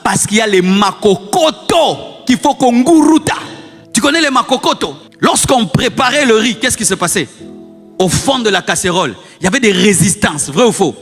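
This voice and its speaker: A man with a Congolese French accent delivers a fiery sermon, urging his listeners on with insistent repetition and rhetorical questions. His voice is high-pitched, animated and fairly bright, slightly rough, at a normal pace. Music plays beneath him, and the recording has a long hall reverb.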